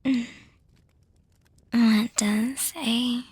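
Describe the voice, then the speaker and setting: In an ASMR roleplay, a woman whispers very breathily as an affectionate young vampire girlfriend, her voice on the high side. She talks extremely slowly and softly on an even, narrow melody, pausing with little hums as she gently reassures and teases. It's a full character performance with no room sound, and the mood is affectionate and reassuring.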